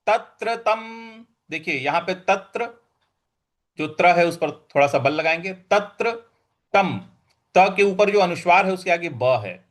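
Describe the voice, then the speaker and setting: A man with a high voice teaches verse recitation in an unhurried way. He repeats each word slowly and patiently, then explains how it is pronounced, and sometimes chants whole lines in a sing-song. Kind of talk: slow, syllable-by-syllable recitation lesson.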